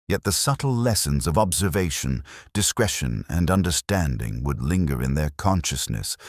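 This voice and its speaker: A very deep male audiobook narrator reads a scripted literary mystery in a measured, formal storytelling style. The studio recording is clean, with no room sound.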